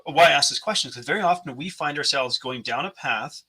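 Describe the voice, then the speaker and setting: Here the same kind of host, a man from North America, sounds husky and fairly high, bright and forceful. He speaks quickly in a conversational interview, searching for words with frequent restarts and fillers.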